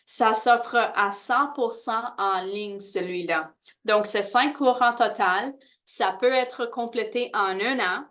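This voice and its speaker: A woman presenting university programs to prospective international students, pausing often with fillers and restarting phrases. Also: fairly high pitch, a bit bright. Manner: hesitant, many fillers and restarts.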